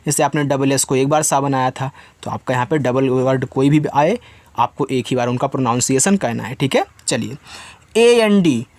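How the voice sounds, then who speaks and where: Patient teacher, dry sound. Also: male voice, mid-range voice, moderate pace, darkish tone, no room sound. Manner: patient, repeats and asks rhetorical questions. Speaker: English teacher. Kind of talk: spelling and reading lesson.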